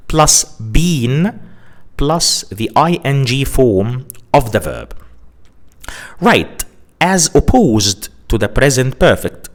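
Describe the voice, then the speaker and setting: Slow, deliberate male English teacher. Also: medium pitch. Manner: slow, deliberate, spells out words and stresses key forms. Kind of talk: grammar lesson.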